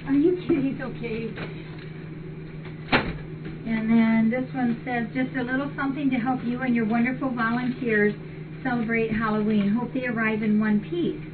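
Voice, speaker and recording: The voice is an older woman's, a little high, with fairly even intonation and normal speed. As host of a cat rescue shelter's live webcam stream, she chats casually and appreciatively while reading things aloud in a large indoor cat room. The distant fixed webcam makes the audio muffled and noisy.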